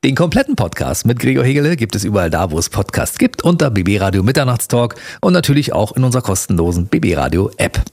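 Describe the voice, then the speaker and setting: A quick-talking male radio host with a gravelly, husky voice that swings up and down a lot as he chats. He laughs easily and keeps the interview moving. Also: medium pitch, very animated, a little mellow. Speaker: radio talk show host.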